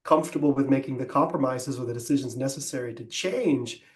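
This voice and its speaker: A man's voice: medium pitch, a little fast. Reflective man talking in an echoey room. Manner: thoughtful, explanatory, with frequent ums and restarts. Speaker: podcast co-host. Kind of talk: conversational business podcast discussion.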